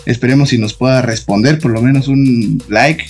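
A man's voice: medium pitch, normal speed. A man with a Mexican accent co-hosting a comedic podcast in a joking, slangy and crude way. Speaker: podcast co-host. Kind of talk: casual comedic podcast banter. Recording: clear music behind the voice. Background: music.

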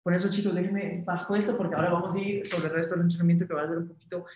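A man giving a live-streamed motivational training from his office, leading the viewers through a guided visualization and tagging nearly every sentence with a quick question. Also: high voice, little pitch movement, darkish tone, echoey room, slight background noise.

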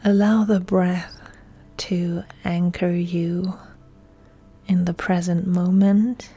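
A woman leads a relaxation meditation in the role of a yoga instructor, her soft, breathy, mellow voice often dropping nearly to a whisper. Her pitch sits on the low side and barely moves. She calms the listener with very drawn-out, unhurried phrasing over faint background music.

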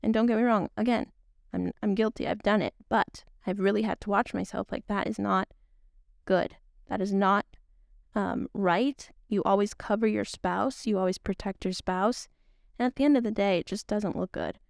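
A young woman chats earnestly on her faith podcast, drifting off topic with little laughs. Her voice has a gravelly fry to it, and she sounds close and dry with no room echo. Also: medium pitch, steady tone, moderate pace. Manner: rambling, earnest, laughs often. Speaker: podcast host. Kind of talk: casual faith talk to women.

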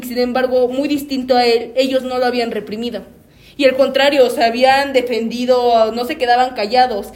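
A woman telling a personal story in an earnest, reflective way, repeating words for emphasis. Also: high voice.

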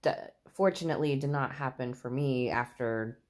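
A woman's voice: extremely low pitch, normal speed, a little mellow. A woman co-hosting a casual chat, offering short reactions and questions. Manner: brief reactive comments and questions. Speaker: podcast co-host.

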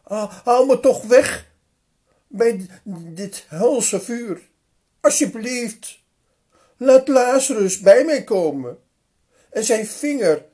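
A tormented rich man begs from the fire in high, loud, husky cries, as a man puts him on while telling the story. The voice sits far above the teller's own and pleads without letup. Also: full character voice.

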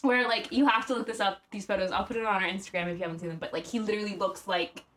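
A woman's voice: fairly even intonation, racing, a bit bright, a little hiss or hum. A woman co-hosting a casual podcast, telling stories in a rambling way with many fillers. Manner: rambling, many fillers, bursts into high acted quotes. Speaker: podcast co-host. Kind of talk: casual chat, storytelling.

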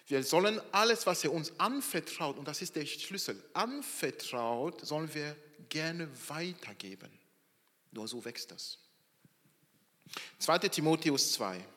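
Animated man preaching in a reverberant hall. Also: fairly high pitch, unhurried. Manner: animated, swings between loud emphasis and quiet asides. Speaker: pastor. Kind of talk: sermon. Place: church hall.

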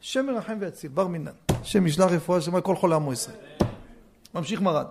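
A man, a rabbi, giving a religious lesson, telling stories with joking asides and swinging from hushed remarks to loud emphasis. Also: high-pitched, creaky, background noise. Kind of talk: Torah lesson with anecdotes.

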